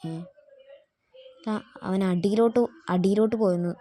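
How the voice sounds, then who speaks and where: A woman's voice: medium pitch, fairly even intonation, moderate pace, mellow, slight background noise. Chatty woman commenting on her game. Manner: chatty, keeps addressing viewers as guys. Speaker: gaming channel host. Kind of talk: casual gameplay commentary.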